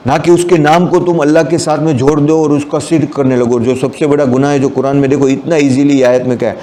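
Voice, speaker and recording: A man's voice: on the high side, dark tone, a little hiss or hum. A man giving a Friday sermon, explaining the meanings of scripture words and mixing in English terms. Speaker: preacher.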